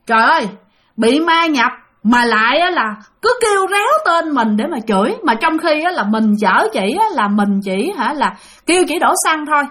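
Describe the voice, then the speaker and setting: A woman's voice: high-pitched, fairly bright tone. A woman voicing a blunt, defiant young man. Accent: Southern Vietnamese. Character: bold hot-tempered young man, the elder brother.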